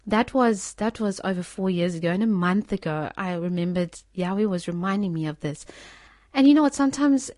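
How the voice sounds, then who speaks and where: A woman with a fairly low voice preaches informally and earnestly, retelling a testimony in a plain, conversational way. She restarts her sentences often, and the sound is dry and close. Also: steady tone, fairly quick, hardly any pauses, no room sound. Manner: earnest, with repeated restarts and soft laughs. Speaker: speaker sharing testimony. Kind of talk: informal sermon.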